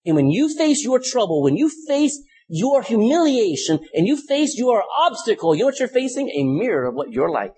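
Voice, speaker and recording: A man's voice: very high-pitched, very animated, normal speed, few pauses, a little mellow, breathy edge. A pastor preaching a sermon to his congregation, asking the room questions and hitting words with sudden emphasis.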